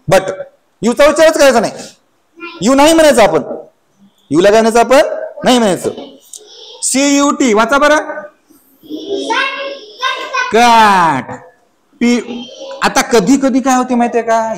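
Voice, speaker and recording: A woman's voice: medium pitch, a little mellow. A woman teaching a primary school class in a classroom. She quizzes the children with call-and-response questions and spells words out letter by letter.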